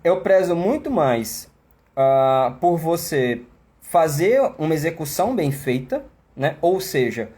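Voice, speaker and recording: Brazilian man, English teacher on a live stream, slightly high voice, conversational, explains with lots of asides. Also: big pitch swings, slow, a little mellow, breathy edge. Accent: Brazilian Portuguese. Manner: chatty, explanatory, many tag questions. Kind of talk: live online class.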